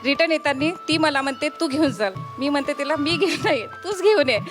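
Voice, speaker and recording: A high-voiced woman from Nagpur with a Marathi accent tells a childhood story, reminiscing. Music plays behind her on stage. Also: a little fast. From Nagpur, India. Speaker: contestant.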